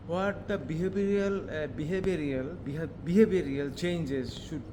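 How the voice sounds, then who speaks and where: A man asking interview questions in halting English, often repeating and rebuilding his phrases. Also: a little high. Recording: clear ambient background noise.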